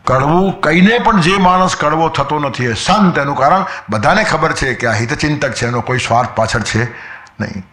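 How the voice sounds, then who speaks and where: A man's voice: fairly high pitch, expressive, normal speed, a bit bright, reverberant. A man giving a spiritual discourse, telling stories, quoting verses and acting out voices. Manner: storytelling, quotes verses, acts out voices. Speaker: spiritual speaker.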